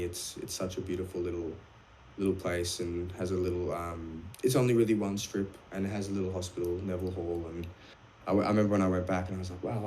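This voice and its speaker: A young man with an Australian accent and a low voice talks casually as a guest. He rambles, restarts his sentences and says um often. Faint hiss sits behind him on an online call. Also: dark tone. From Wales. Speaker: music producer guest. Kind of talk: casual chat.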